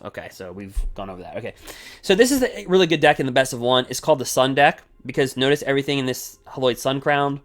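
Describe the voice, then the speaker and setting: A man hosting his own card game channel, talking fast and energetically in a rambling, casual way with many asides. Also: medium pitch, fairly bright tone. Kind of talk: casual solo gameplay commentary. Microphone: desk microphone.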